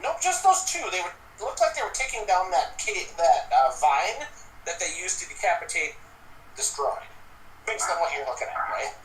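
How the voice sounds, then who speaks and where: A man narrating as game master, animated and laughing, now and then yelping little creature cries. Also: high voice, normal speed, echoey room, distant mic, a little hiss or hum, rough recording.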